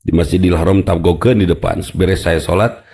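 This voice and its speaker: A man's voice: sits low, steady tone, brisk, a little mellow, slightly rough. A man with a Sundanese accent preaching a sermon, telling humorous stories. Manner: humorous, storytelling, mixing in local words. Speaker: Islamic preacher.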